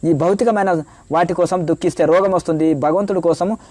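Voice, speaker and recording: High-voiced man giving spiritual answers. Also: fairly even intonation, fairly quick, darkish tone, dry recording. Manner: preachy, rhythmic lists of virtues. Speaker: spiritual teacher.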